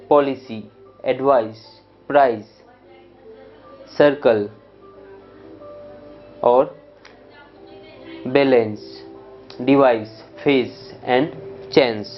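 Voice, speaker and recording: Guy teaching english sounds, reads word lists real slow, dull lo-fi audio. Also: mid-range voice, faint music behind. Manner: reads word lists slowly, checks with "clear?". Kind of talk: pronunciation lesson.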